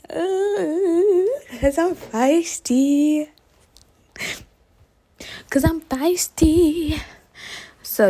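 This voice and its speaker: A young adult woman telling a story to her viewers in a casual, animated vlog, laughing often and filling her speech with "like". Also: medium pitch. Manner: animated, chatty, laughs often, heavy use of "like". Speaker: vlogger.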